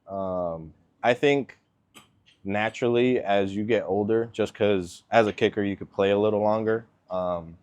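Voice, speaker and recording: A man in his twenties, born in Venezuela and raised in Miami, answers interview questions as an NFL kicker. His voice is on the low side and unhurried, and he's laid-back, full of ums and likes.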